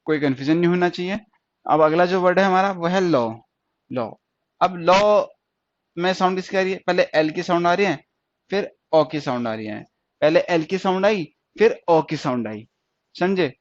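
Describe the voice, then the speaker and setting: A man teaches shorthand, walking through each stroke step by step and repeating points with checking questions. His voice sits a little high. The recording is dull and lo-fi with a dry, close sound. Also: normal speed, no echo. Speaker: stenography teacher. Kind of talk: classroom lesson.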